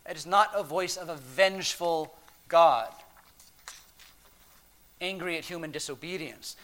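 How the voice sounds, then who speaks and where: A man with a high voice delivers a sermon from the pulpit. He drops to near-hushed tones for reflective lines and then builds to emphatic, raised passages, keeping his delivery expressive throughout. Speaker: preacher.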